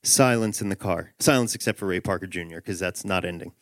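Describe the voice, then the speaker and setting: A man telling a comic personal story, animated and self-mocking with quick asides. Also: low-pitched, dry recording. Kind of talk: live comedic storytelling.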